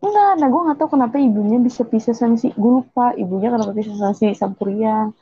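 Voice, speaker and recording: A woman's voice: fairly high pitch, fast, mellow, breathy edge, dry recording, highs cut off. A young woman chatting casually, retelling a folk tale in a rambling way and correcting herself as she goes.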